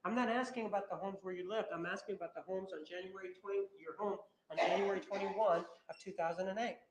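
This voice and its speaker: Combative prosecutor in an echoey courtroom. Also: male voice, high voice, steady tone, fast, heavy background noise. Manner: pressing, repetitive, combative questioning. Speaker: trial prosecutor. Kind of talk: courtroom cross-examination.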